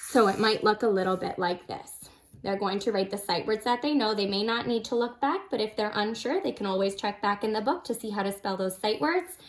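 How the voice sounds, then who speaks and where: A woman with a mid-pitched voice speaks as a reading teacher giving an instructional demonstration. She explains each step patiently, using simple example phrases suited to kindergarten learners. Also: fairly quick.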